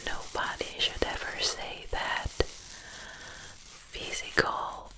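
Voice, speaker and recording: Slow ASMR woman whispering up close. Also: sharp tone, poor audio. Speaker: ASMR creator. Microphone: close binaural microphone, ear to ear.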